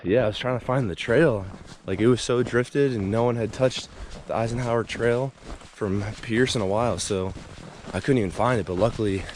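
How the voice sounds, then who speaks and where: A man's voice: medium pitch, moderate pace, darkish tone. A man talking casually to his camera while trudging through snow outdoors on a windy trail. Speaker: hiking vlogger filming himself. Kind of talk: casual outdoor vlog talk. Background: wind and outdoor noise.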